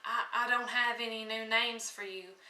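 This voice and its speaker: A woman's voice: on the high side, steady tone, moderate pace, pushed and bright. A woman voicing a humble male messenger who reports hesitantly, with a stammer. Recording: echoey room, mic at a distance.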